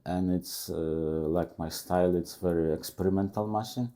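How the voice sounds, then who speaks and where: Man, Polish accent, very low voice, dark tone, halting non-native English, casual interview guest. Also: fairly even intonation. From Poland. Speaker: guest tattoo artist. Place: tattoo shop.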